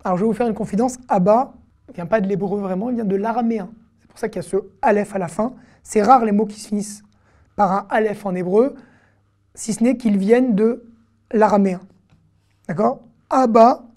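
A woman's voice: medium pitch, normal speed, pauses often, dark tone. A woman teaching an online language lesson, patiently repeating each word several times and explaining it. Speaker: Hebrew teacher.

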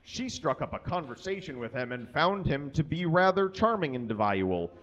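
On a small stage at a comedy show, a man in his thirties delivers a dramatic fan fiction reading into a handheld or stand microphone. His pitch is fairly high and sing-song, his tone fairly bright, his pace moderate, and the audio sounds dull.

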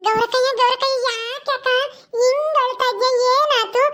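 A woman voicing Paddu, a simple, childlike and kindly village woman who talks slowly and soothingly. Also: very high voice, fairly even intonation, pushed and bright. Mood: soothing, pleading. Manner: slow, soothing, repeats herself. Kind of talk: village comedy skit.

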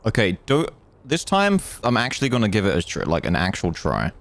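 Man streaming with very animated pitch swings. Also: a little fast, gravelly. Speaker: game streamer. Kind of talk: casual live gameplay commentary.

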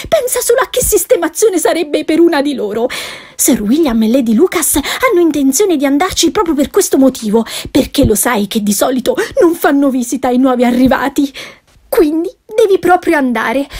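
Woman voicing a fussy middle-aged storybook mother, high-pitched, eager, pleading, audiobook reading. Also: very animated, moderate pace, a little mellow.

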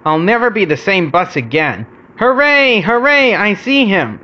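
A man voicing an eager, excitable male talking bus in a children's storybook reading, with shrill, excited cries. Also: normal speed, lo-fi sound, heavily acted.

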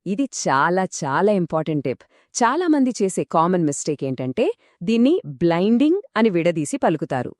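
A woman's voice: on the low side, sing-song, normal speed, a little mellow, no echo, studio quality. A woman co-teaching a scripted pronunciation lesson, encouraging listeners and stressing common mistakes.

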